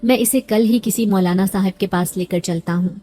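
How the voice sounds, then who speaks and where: A man's voice: sits high, warm tone, soft background music. A woman voicing a young husband in a storybook reading, earnest and reassuring. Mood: gentle.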